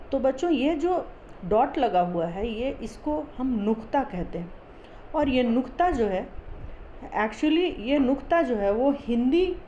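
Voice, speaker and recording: A woman leads a Hindi class, explaining pronunciation slowly and patiently and breaking sounds down syllable by syllable. Her voice is fairly high and warm, with a little hiss or hum on the audio.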